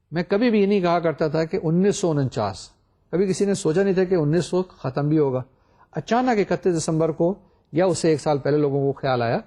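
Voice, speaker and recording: A man's voice: fairly high pitch, dark tone. An older man giving a recorded university lecture, explaining step by step and asking the class rhetorical questions.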